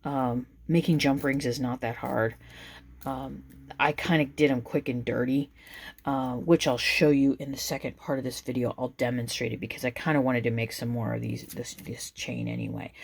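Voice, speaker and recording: A woman's voice: very deep voice, fairly even intonation, moderate pace, vocal fry, slightly rough. A woman casually talking through a crafting demonstration, chatty and rambling, with lots of ums and restarts. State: has the hiccups. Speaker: craft video maker.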